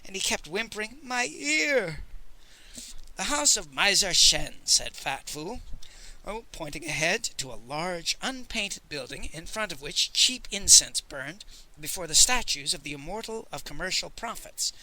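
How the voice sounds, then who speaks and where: A man reads an audiobook aloud with expressive, theatrical storytelling. His voice sits high for a man, swoops through a wide range, and has a very bright, forceful edge. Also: normal speed, rough recording. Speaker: audiobook narrator. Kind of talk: audiobook narration.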